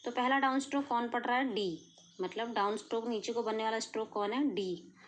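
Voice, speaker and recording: Indian lady teaching shorthand, slightly high voice, keeps asking if it's clear. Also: brisk, slight background noise. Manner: patient, checks in often with "clear?" and "okay". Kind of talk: explaining a lesson step by step.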